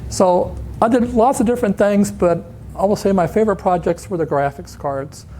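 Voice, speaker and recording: A man's voice: high voice, normal speed, warm tone, a little hiss or hum. A man in his sixties giving a conference talk, telling anecdotes and acting out the voices of the people he quotes. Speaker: conference speaker. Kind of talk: storytelling talk. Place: conference hall.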